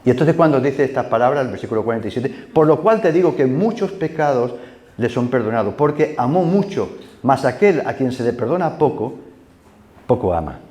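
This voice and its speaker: Hombre predicando en sala con eco. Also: male voice, medium pitch, expressive, fairly quick, darkish tone, reverberant. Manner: conversational, many fillers and repeated words. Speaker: preacher. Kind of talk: sermon. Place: church hall.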